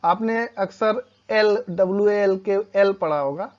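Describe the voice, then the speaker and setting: Slow, patient woman teaching English. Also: medium pitch, a little mellow. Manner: slow, spells letters out and repeats words. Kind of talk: classroom-style language lesson. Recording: slightly dull lo-fi sound.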